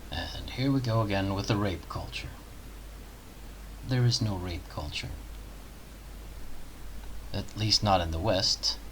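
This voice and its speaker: A man's voice: lowish voice, takes it slowly, pauses often, a bit bright, slight background noise, low-quality recording. A man hosting a reaction commentary video, talking in a sarcastic, mocking way.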